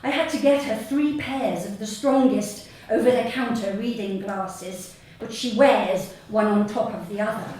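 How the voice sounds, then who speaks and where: An author from Sussex, England, performs her comic short story for an audience in a small theatre, her southern English voice a little high. She keeps it deadpan and measured, pausing often. The recording has heavy hall echo, a far-off microphone and a trace of noise.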